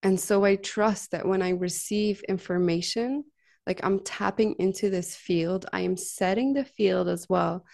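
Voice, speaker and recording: A woman's voice: medium pitch, a little slow, gravelly, a little mellow. A woman massage therapist talking casually and earnestly about her work, often tagging her sentences with "like" and "right?". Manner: chatty, frequent "like" and "right?" tags; earnest, heartfelt. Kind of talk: casual conversational storytelling.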